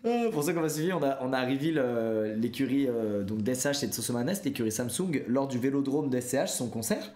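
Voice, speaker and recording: A young man, a streamer, telling a lively anecdote to his viewers in a casual way, with many fillers. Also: mid-range voice, brisk, few pauses, reverberant.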